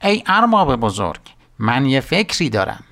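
A man's voice: mid-range voice, sing-song, fairly bright tone. A man voicing a sneaky, fawning servant of an evil sorcerer in a storybook tale. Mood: sly. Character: sly, wicked servant of a sorcerer.

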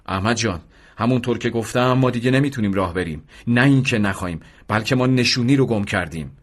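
A man voicing a steady, devout male battalion commander in an earnest radio drama reading. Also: medium pitch, close to an everyday voice. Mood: urgent. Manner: earnest, fervent when pleading.

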